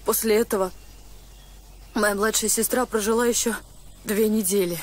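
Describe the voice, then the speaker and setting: A woman's voice: mid-range voice, steady tone, moderate pace, a little hiss or hum, lightly acted. An actress in her twenties playing a proud, wounded junior lieutenant in a war film, intense in manner. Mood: pained, bitter. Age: 20s. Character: proud, wounded young woman junior lieutenant, trained saboteur. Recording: faint film music under the voice.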